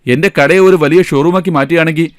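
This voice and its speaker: A man's voice: a little high, fast, clear, resonant tone, no echo, clean studio sound, natural voice. A man dubbing a young shop owner who soothes his girlfriend, in film dialogue. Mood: coaxing. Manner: coaxing, soothing. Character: young male shop owner and lover, eager to please. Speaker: dub actor.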